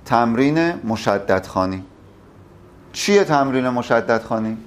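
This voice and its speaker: Animated man coaching an audience. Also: mid-range voice. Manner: animated, emphatic, addresses audience directly. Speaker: public speaking instructor. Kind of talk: live workshop teaching.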